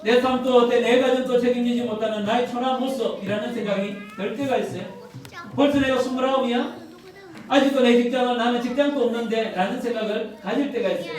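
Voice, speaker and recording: A man's voice: very high voice, fast talker. A man in his fifties preaching a church sermon, earnest, often putting rhetorical questions to the congregation. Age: 50s. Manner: filler "어때" often. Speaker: pastor. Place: church sanctuary. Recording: very echoey, from a distance.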